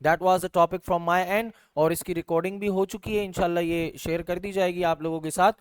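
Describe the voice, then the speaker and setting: A man's voice: high voice, steady tone, normal speed, smooth, no echo. A man teaching English in an online class, explaining patiently and repeating each example word, mixing English terms into Urdu-flavoured speech. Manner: explains patiently, repeating example words and saying "theek hai" often.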